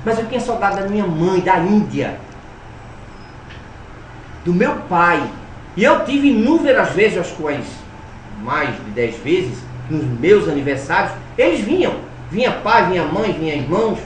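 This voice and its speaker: A man from Alagoas, Brazil, delivers a spiritist lecture, telling personal stories with humor and dramatic, sudden swings between loud and soft. His voice is high-set and unhurried. He's recorded from a distance in a roomy hall, with faint ambience and a little hiss or hum.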